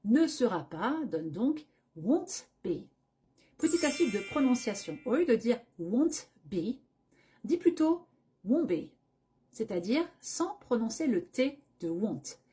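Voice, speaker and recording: Breathy woman teaching English. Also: on the high side, sing-song, unhurried, warm tone. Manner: explains pronunciation step by step, acts out short travel scenes. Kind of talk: language lesson.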